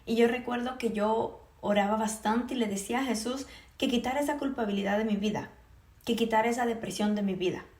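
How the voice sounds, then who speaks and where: A woman in her twenties from Puerto Rico, telling her personal faith testimony in an earnest, halting way with many fillers. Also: on the high side, a little mellow, echoey room.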